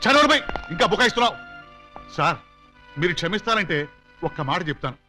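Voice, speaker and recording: An actor playing a commanding, theatrical elder who scolds and gives orders, in a film comedy scene. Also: male voice, high-pitched, sing-song, fast talker, sharp tone, faint music behind, full character voice. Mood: stern.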